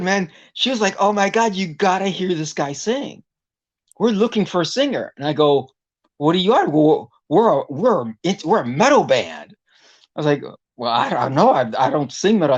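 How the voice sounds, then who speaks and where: A middle-aged Puerto Rican man with a high tenor voice appears as a guest vocalist in a casual interview, animatedly telling stories and acting out other people's voices. The recording has its highs cut off.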